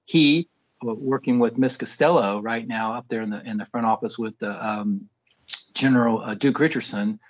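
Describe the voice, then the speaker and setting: A man's voice: medium pitch, moderate pace. A man briefing colleagues over a video call, his mid-range voice coming through muffled and dull. He restarts sentences and leans on "right?" to carry each point along. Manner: restarts, tag questions "right?". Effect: heard over a video call. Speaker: Air Force program leader.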